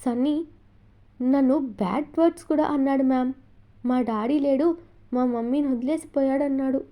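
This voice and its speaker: A woman's voice: high voice, normal speed, highs cut off, close to an everyday voice. A woman voicing a tearful, innocent young schoolgirl in a storybook reading, with a pleading tone. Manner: sobbing, pleading tone.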